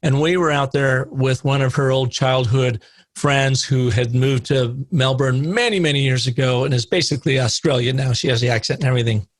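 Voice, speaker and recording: A middle-aged man telling an anecdote as a podcast guest, lively, acting out the dialogue in it. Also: medium pitch, a little fast, no echo. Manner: animated anecdote teller, acts out quoted dialogue. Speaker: guest, storytelling consultant. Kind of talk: podcast interview storytelling.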